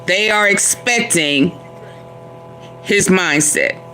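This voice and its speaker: A woman hosting, commenting on clips she played, halting with restarts. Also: fairly low pitch, lively intonation, bright, forceful tone, soft background music, rough recording.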